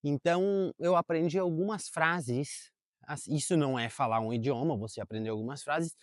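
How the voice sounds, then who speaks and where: A young adult man who speaks Portuguese as his first language vlogs casually to camera outdoors in a park, chatty, correcting himself and using lots of fillers. His voice is a little high and his pace moderate. The recording is studio quality with no room sound.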